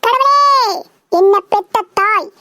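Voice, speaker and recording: A voice actor doing a squeaky sly prankster boy. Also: bright, forceful tone, no room sound, clean studio sound, full character voice. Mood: mock-solemn. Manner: drawn-out, theatrical prayer delivery. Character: pious prankster boy, mock-solemn, sly. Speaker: voice actor for all characters. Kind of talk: Tamil cartoon comedy voice acting.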